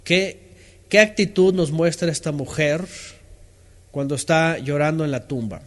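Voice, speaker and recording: A man's voice: fairly high pitch, measured pace. A man teaching a Bible lesson, asking questions, reading out listeners' answers and reading passages aloud with comments. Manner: asks questions, reads out responses from listeners; reads scripture aloud, stopping to comment.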